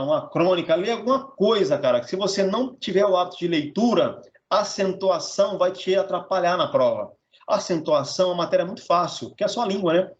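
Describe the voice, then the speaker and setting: A man teaching Portuguese in a casual, blunt lesson, swearing and joking as he talks. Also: a little high. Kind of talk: informal recorded lesson. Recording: dull, muffled audio.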